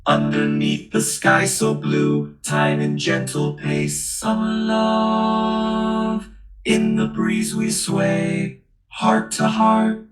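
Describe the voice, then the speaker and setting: A machine-made voice with a half-robot vocoder effect, speaking and singing slow, drawn-out lines in a generated song. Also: mid-range voice, wildly swooping pitch. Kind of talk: AI-generated spoken and sung song. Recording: reverberant song mix over guitar.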